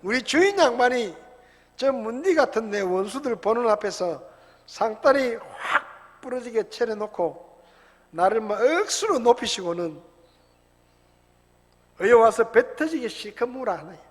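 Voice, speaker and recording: A man putting on a Gyeongsang dialect to voice a boisterous, rough-spoken countryman reciting a psalm loudly and folksily. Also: very high-pitched, animated, a little slow, long pauses, voice pushed up, full character voice. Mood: hearty, boastful. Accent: Gyeongsang dialect, put on. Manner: loud, hearty, rustic folksy delivery. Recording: long church hall reverb.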